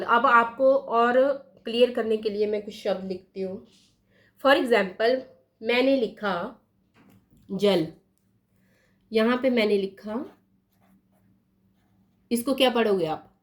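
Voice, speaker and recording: A woman teaching a lesson, writing words on a board and repeating each one slowly, often asking her pupils questions. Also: on the high side, a bit bright. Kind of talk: slow classroom explanation at a board.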